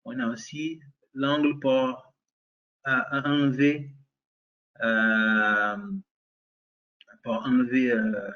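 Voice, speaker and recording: A Brazilian-accented man presents a software demonstration webinar, speaking very slowly in a mid-range, level voice with frequent pauses. He hesitates, uses many fillers and restarts, and checks in with listeners often. The audio is dull.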